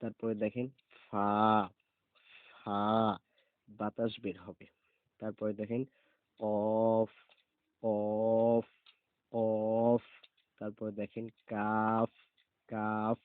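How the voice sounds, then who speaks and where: A man teaching Arabic letter pronunciation, saying each letter slowly and repeating it several times. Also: lowish voice, completely flat delivery, dry recording. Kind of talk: slow pronunciation lesson. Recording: tinny phone-like sound.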